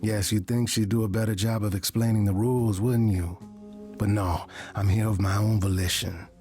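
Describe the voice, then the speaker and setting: An actor playing a suave, teasing immortal trickster god in a video game, with flowery, arch courtesy. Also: male voice, on the low side, fairly even intonation, moderate pace, mellow, soft background music, close to an everyday voice.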